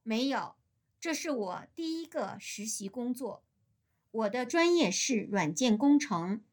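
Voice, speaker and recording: A woman reading a scripted textbook dialogue for a language lesson, with careful, even delivery. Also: a little high, measured pace.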